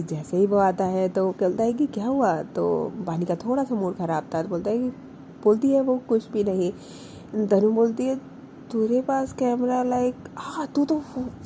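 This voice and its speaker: A young woman spins a story out loud in a relaxed, chatty way, circling back and correcting herself mid-sentence. Her voice is mellow and soft-edged, and a faint hiss sits under the recording. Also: medium pitch. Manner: chatty and rambling, with frequent self-corrections. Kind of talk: casual spoken storytelling.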